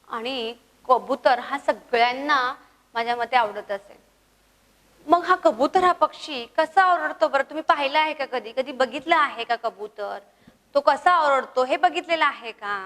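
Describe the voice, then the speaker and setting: A woman teacher with a high voice leads a first-grade lesson at an unhurried pace. She coaxes the children to repeat after her and imitates bird calls. Her voice carries a long reverb. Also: a bit bright.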